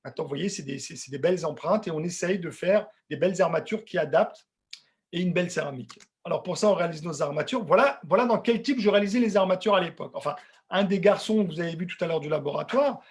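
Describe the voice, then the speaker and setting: Speaking quickly, a middle-aged man runs a casual technical webinar, explaining his work as a dental technician. His voice sits fairly high with a husky quality, and his manner is conversational, with words repeated to hammer points home.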